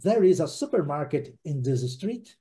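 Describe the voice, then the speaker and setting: A man's voice: a little high, sing-song, unhurried, dark tone, slightly rough. A man teaching an online English class in Portuguese, patiently repeating words for drills and checking in with the class.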